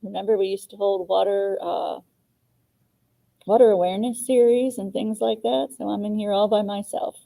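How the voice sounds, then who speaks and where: A woman's voice: mid-range voice, steady tone, normal speed, creaky, mellow. A woman co-hosting a casual video call from a large empty classroom, her voice echoing around the big hall as she chats and laughs often. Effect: echo of a big hall. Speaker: co-host, landscaping coordinator.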